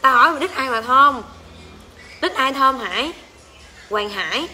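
A woman livestream seller speaks in a high, expressive, unhurried voice that sounds pushed and bright, with a little hiss or hum in the recording. With a Southern Vietnamese accent, she hosts a casual stream, ranting crudely and exclaiming as she rambles to viewers.

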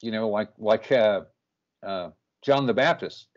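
Firm low-voiced male interview host. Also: a little slow. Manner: firm, emphatic, keeps saying "you know what". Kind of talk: casual interview. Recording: muffled lo-fi call audio.

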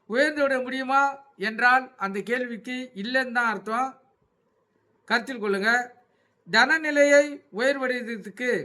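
A man giving an astrology lecture, speaking in measured phrases and often dropping his voice for a repeated reminder to take note. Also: bright, forceful tone. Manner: measured, repeats a low-pitched refrain telling listeners to take note.

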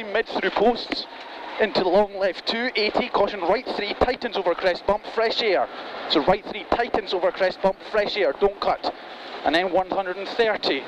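A man working as a rally co-driver, calling rapid pace notes in clipped, urgent, repeated instructions. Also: high voice, muffled recording. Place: inside a rally car at speed. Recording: loud car engine and rattling noise.

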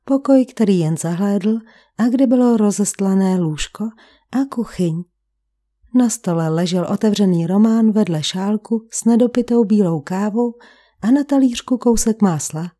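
A woman narrates a novel in a calm, measured way. Her voice is warm and mellow, sitting at a middling pitch for a woman. The reading moves at an even, unhurried pace. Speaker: audiobook reader. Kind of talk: scripted audiobook narration.

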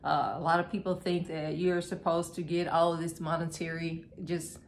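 A woman teaching a casual Bible study, halting with many fillers and restarts, laughing now and then. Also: on the low side, little pitch movement, a little hiss or hum.

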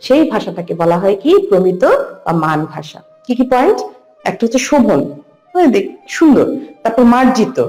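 Female teacher, mellow low-toned voice, asks and answers her own questions, drawn-out key terms; roomy echo, faint music underneath. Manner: repeats key terms slowly. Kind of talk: recorded online lecture. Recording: echoey room with faint music.

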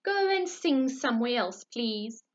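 A woman's voice: a little high, expressive, measured pace, dull audio. A woman voicing a grumpy, tired male badger who snaps irritably. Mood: cross. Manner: snapping, irritable.

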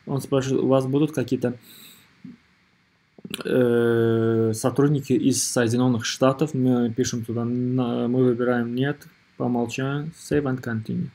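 A man narrating an informal screen tutorial as its presenter, in a hesitant, halting way, often repeating himself. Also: medium pitch, flat delivery, mellow. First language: not Russian or rusty Russian speaker living abroad.

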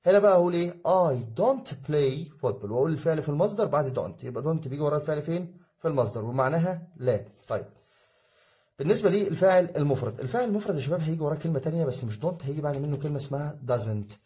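Rapid-fire Egyptian teacher drilling grammar. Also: male voice, a little high, animated, dark tone. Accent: Egyptian Arabic. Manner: asks students questions and answers them himself; addresses students as guys, drilling rules. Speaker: English teacher. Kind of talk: exam review lesson.

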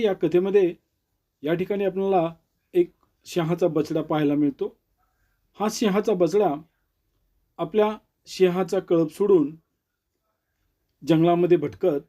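A man tells a motivational story in a high but mellow voice. He speaks earnestly and lifts his pitch on key words. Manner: earnest, with rising emphatic stresses.

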